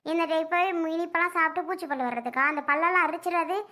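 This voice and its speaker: A woman voicing a sharp-tongued young mother who defends herself in a family skit. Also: very high-pitched, fast. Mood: defensive. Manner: defensive and complaining.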